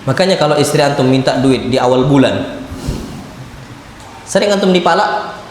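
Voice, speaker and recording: A man's voice: mid-range voice, expressive, moderate pace. A male preacher delivers an emphatic sermon, firing questions straight at his congregation. His voice rings through a big echoing mosque hall with a long reverb tail. Faint background noise sits under the talk. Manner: emphatic, questions the audience directly. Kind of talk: sermon at a mosque study circle.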